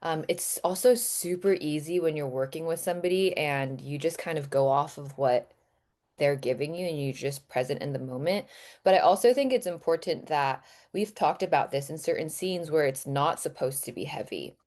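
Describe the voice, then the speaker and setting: An American actress as a podcast guest, speaking earnestly and casually with frequent fillers. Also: female voice, low voice, normal speed, a little mellow. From United States. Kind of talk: podcast interview.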